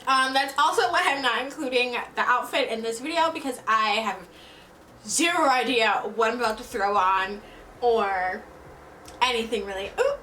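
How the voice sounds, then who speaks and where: A woman's voice: fairly high pitch, normal speed, bright, forceful tone, slight background noise, rough recording. A young woman chatting casually through a get-ready-with-me beauty vlog, loose and talky with slang and fillers. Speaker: beauty vlogger.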